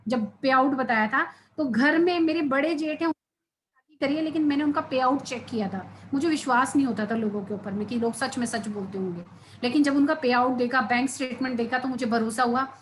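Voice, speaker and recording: High-voiced woman telling her story on stage. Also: fairly bright tone, a little hiss or hum. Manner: earnest storytelling, addressing the audience directly. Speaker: seminar speaker. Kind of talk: motivational seminar testimony.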